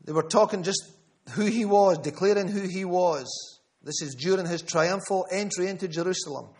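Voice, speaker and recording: High-voiced emphatic preacher man. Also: normal speed, a little mellow. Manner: emphatic, repeats key phrases, addresses listeners by name. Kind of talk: sermon. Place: church gathering room.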